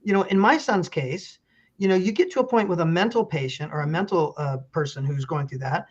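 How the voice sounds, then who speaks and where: With a slightly high voice and a fairly quick pace, a middle-aged man who works as a pastor and county official shares stories earnestly in an interview, restarting often. The sound is lo-fi.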